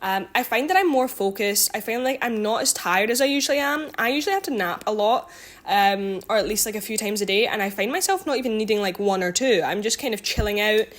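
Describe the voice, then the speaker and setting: A woman's voice: mid-range voice, animated, brisk. Chatty twenty-year-old woman, rambling. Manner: rambling, lots of ums and likes, self-correcting. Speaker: vlogger and student. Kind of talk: casual chatty catch-up vlog.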